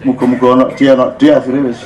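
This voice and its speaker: A man giving an informal religious talk to a crowd, lively and joking, dropping into phrases and acting out exclamations. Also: mid-range voice, rapid-fire, lo-fi sound. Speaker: religious speaker at a public gathering. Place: open-air public gathering.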